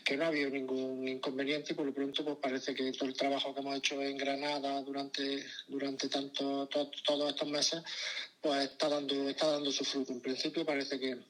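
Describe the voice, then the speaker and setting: A man on a mountain expedition, talking in an interview in a measured way that repeats words. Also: medium pitch, completely flat delivery, a bit bright, low-quality recording. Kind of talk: phone-in interview.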